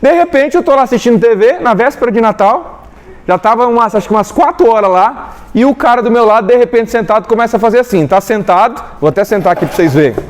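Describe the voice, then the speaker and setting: A man's voice: very high voice, lively intonation, quick pace. A young Brazilian man preaching in a church hall, telling a story and acting out the voices of the people in it. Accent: Brazilian Portuguese. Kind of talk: sermon with a spoken anecdote.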